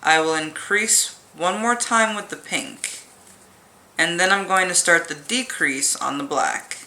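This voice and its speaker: A woman giving a casual crochet tutorial with self-deprecating asides, with sharp sibilant S's and a faint whistle from her nose. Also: on the low side, a little slow, slight background noise. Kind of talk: casual hands-on tutorial chat.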